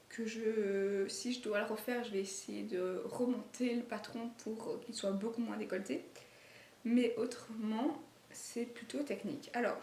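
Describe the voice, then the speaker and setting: Woman, sewing vlogger, slight accent, fairly high voice, chatty with fillers, echoey room, faint hiss. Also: a little mellow. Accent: non-native French accent. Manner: chatty, many fillers and restarts. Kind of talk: casual chat showing garments. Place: indoor room at home, filming late in the day.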